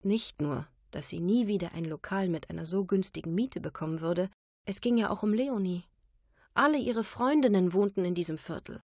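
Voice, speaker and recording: A woman narrating a novel, her reading calm and measured at a middle pitch. The voice is dry and close, with no room sound around it. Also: dry recording. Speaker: audiobook narrator. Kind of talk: audiobook narration.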